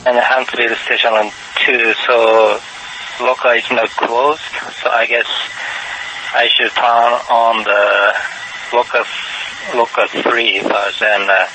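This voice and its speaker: A man working as an astronaut, reporting procedurally and haltingly, with pauses mid-sentence, over a space radio link. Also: medium pitch, level tone. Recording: noisy space-to-ground radio.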